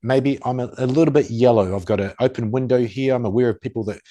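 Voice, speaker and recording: A man's voice: mid-range voice, fast talker, warm tone. A man with a broad New Zealand accent, explaining things conversationally as a tactical expert, blunt and matter-of-fact with dry humour. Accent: broad Kiwi (New Zealand). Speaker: self-defence and tactical expert guest, former police officer.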